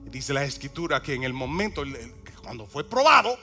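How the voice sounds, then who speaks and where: A man preaching a sermon with a lively voice that climbs high and drops low. His tone is bright and forceful, and he keeps repeating key words and asking the congregation questions. Faint music plays under him. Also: a little fast. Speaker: pastor.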